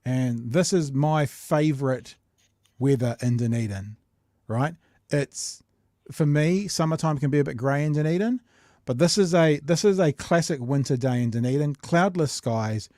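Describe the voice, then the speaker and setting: Speaking a little slowly in a mellow, mid-range voice, a middle-aged Kiwi man hosts a casual live chat podcast full of jokes, slang, and rambling. The recording is studio quality with no room sound.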